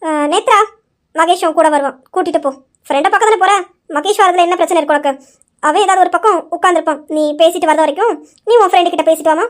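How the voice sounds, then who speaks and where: A woman voicing an elderly grandmother who calmly coaxes her granddaughter in a family drama. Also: extremely high pitch, fast talker. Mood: coaxing. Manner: soft, coaxing, settling a family quarrel. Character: elderly grandmother, calm and firm.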